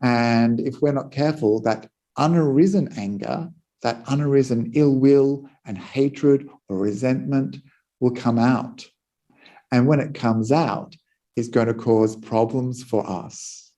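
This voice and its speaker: Mellow-voiced Buddhist monk teaching. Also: male voice, medium pitch. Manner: calm storytelling. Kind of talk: dharma talk.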